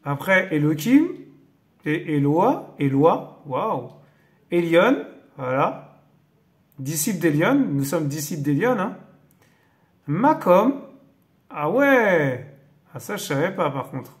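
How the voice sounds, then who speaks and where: A man's voice: on the high side, sing-song, takes it slowly, pauses often. A man hosting a casual Bible teaching video, reading a text aloud and breaking off with amazed exclamations and hesitant asides. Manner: hesitant, many fillers when explaining.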